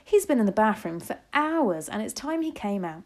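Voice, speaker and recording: A woman's voice: medium pitch, sing-song, normal speed, a little mellow. A woman voicing a loving, composed old grandmother in a storybook reading. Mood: coolly polite. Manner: affectionate, composed.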